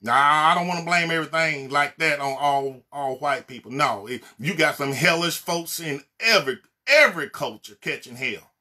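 Speaking at normal speed with hardly any pauses, a man from Mississippi, USA, preaches an impassioned, blunt social media sermon in a Southern accent, hammering points home through repeated refrains. The evangelist minister's voice is fairly high and sharp.

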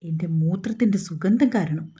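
A woman reading the part of a hot-tempered young man who curses and shouts. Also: on the low side, moderate pace, breathy edge, dull audio. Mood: angry.

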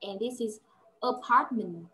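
An English tutor gives a one-on-one language lesson, patiently drilling words and checking often that her student understands. Her voice is on the high side, slow-paced, and sharp in tone.

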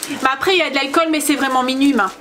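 Woman, mother vlogging from her kitchen: high voice, chatty and meandering, lots of hesitations. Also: steady tone, rapid-fire, noisy background. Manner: rambling, chatty, full of hesitations. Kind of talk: casual chat to camera.

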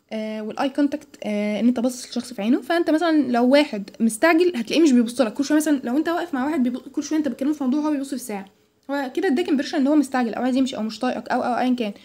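A woman's voice: on the high side, mellow. A young woman with an Egyptian Arabic accent giving an informal lecture, chatty, with many restarts and English terms mixed in. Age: young adult. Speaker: student tutor.

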